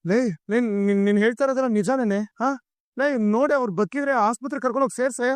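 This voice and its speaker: An alarmed, fast-talking husband. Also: male voice, very high voice, no echo. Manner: urgent, rapid questioning. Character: alarmed husband demanding answers on phone. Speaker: TV serial actor. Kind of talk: Kannada TV serial acting.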